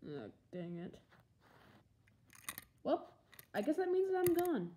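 Young voice playing toy car races. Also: female voice, sits high, sing-song. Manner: rapid switches between playful character voices. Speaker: toy car race player. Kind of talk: voicing toy race cars in play. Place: carpeted room indoors. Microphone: handheld phone camera. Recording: loud handling noise from phone.

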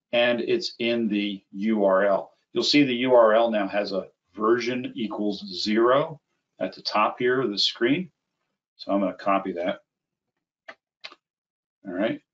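A middle-aged man with a low but fairly bright voice gives a live, explanatory software demo for a webinar, where he presents as an applications engineer. Working at a computer in a small indoor room, he goes through each step in an easy, conversational manner, though the audio is somewhat dull and band-limited.

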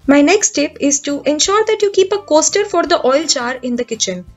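A woman's voice: high voice, animated, normal speed, faint music behind. Chatty young woman, kitchen tips voice-over. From India. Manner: conversational, with frequent fillers and restarts. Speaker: home vlogger.

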